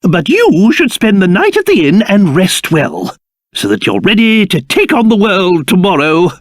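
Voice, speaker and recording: A man voicing a pompous, excitable old cursed king in a video game, with a British accent and old-fashioned, theatrical speech. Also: high voice, unhurried, dry recording, clean studio sound, exaggerated voice. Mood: brisk, regal. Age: older. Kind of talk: video game character voice acting.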